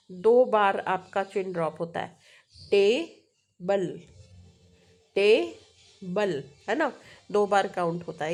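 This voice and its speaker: A woman with an Indian accent teaching English, mixing in Hindi and drawing out example words slowly, often checking in with the viewer. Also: medium pitch. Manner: slow, drawn-out pronunciation of example words; frequent "है ना?" check-ins to the viewer. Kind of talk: Hindi-English mixed lesson on syllables.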